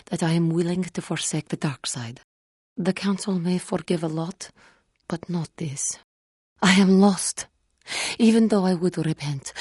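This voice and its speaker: In dramatic video game dialogue, a proud, tormented and repentant fallen Jedi woman speaks in a despairing mood. Her low, very husky, slightly mellow voice is recorded clean in the studio with no echo. She is formal, solemn and deliberate, avoiding contractions and sounding weighed down by guilt.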